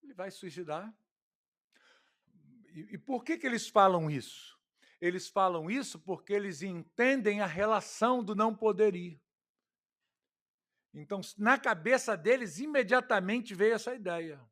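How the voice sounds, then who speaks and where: Pastor guy, pretty high voice, preaching and asking the church lots of questions. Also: animated, normal speed, pauses often, a bit bright. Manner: conversational preaching, asks the congregation rhetorical questions. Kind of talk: expository sermon.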